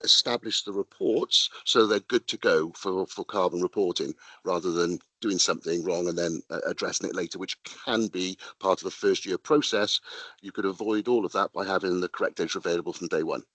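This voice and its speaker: A presenter speaks on a video call in a fairly low voice. He explains at length and often restarts his sentences. The sound is dry, with no room echo. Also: a little fast, fairly bright tone. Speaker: webinar presenter.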